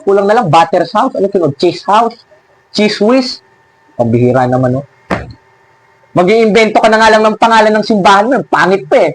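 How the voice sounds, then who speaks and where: High-voiced sarcastic male preacher. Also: low-quality recording. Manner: sarcastic, scolding, laughs at his opponents. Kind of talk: preaching and mocking a rival church.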